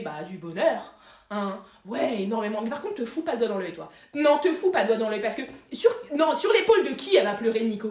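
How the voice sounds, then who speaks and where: A woman's voice: a little high, natural voice. A woman playing a tipsy, passive-aggressive female guest rambling through a wedding speech. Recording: echoey room.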